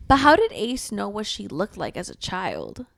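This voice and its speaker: A tipsy woman talks books in a casual chat. Her pitch swings around a lot, and the sound is close and dry. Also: normal speed, creaky, dry recording. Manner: tipsy, animated. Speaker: book reviewer. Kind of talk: casual chat, book review.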